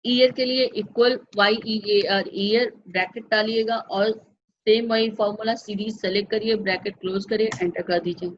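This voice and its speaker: A woman's voice: medium pitch, fairly even intonation, moderate pace, muffled recording. A woman teaching a computer class, patiently walking through each step and checking that the class follows. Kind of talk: step-by-step software lesson.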